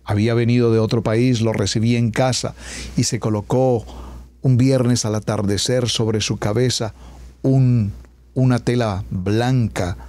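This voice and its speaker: A middle-aged Colombian man with a medium-pitched voice delivers a radio sermon as a pastor. He speaks emphatically, stretching out key words and dropping to a hush at the climaxes.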